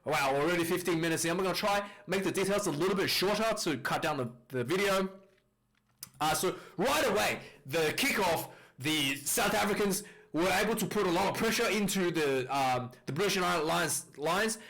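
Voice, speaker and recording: A man's voice: high-pitched, expressive, a little fast, fairly bright tone. A man casually reviewing a rugby match, rambling with fillers and restarts, recorded on a distorted, clipping mic. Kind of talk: casual video commentary.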